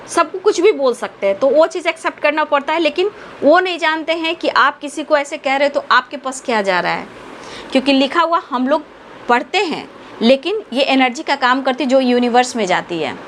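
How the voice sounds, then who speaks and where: Earnest tarot reader woman, higher voice. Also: a little hiss or hum. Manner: earnest, affectionate, preachy. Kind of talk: spiritual guidance talk.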